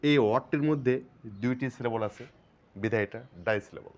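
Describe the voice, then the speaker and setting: A man with a Bangladeshi accent teaching an English grammar lesson, explaining step by step, repeating terms and drawing words out slowly to show their syllables. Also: medium pitch, dull audio.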